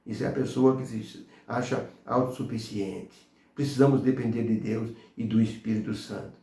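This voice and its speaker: A man's voice: medium pitch, steady tone, normal speed, gravelly, dark tone, reverberant. A man with a Brazilian Portuguese accent teaching a devotional Bible lesson, telling anecdotes as he goes. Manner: storytelling with anecdotes. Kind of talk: devotional Bible study talk.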